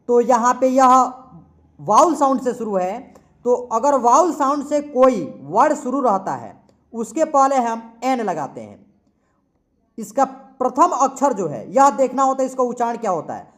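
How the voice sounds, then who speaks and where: A man teaching English grammar in a classroom lesson. He talks slowly and repeats himself, spells words out letter by letter, and asks questions that he then answers himself. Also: very high voice, sing-song.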